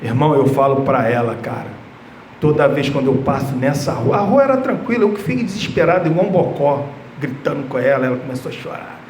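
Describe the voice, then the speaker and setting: A man's voice: mid-range voice, darkish tone. A man preaching an expository sermon, emphatic and telling personal stories, often repeating himself. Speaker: pastor. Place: church hall. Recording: echoey church room, faint background noise.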